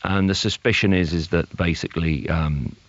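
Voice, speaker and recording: A man with a very deep voice tells stories as a guest author in an interview, often repeating words as he thinks. His voice comes through a dull, lo-fi line. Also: steady tone, moderate pace, no echo. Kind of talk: casual interview talk.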